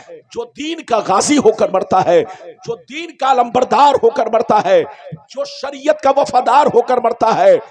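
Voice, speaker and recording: A male preacher giving a rousing, declamatory sermon with repeated refrains, calls to the crowd, sudden shouts and sung lines. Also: extremely high pitch. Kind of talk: Urdu religious sermon.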